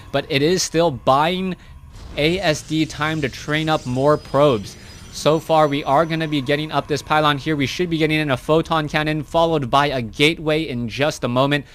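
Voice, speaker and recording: A man casting a strategy game match live, narrating each move as it happens. His voice sits a bit high for a man. He talks in a loose, chatty way, restarting phrases and correcting himself as he goes. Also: a bit bright, dry recording. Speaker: esports caster. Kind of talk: live play-by-play game commentary.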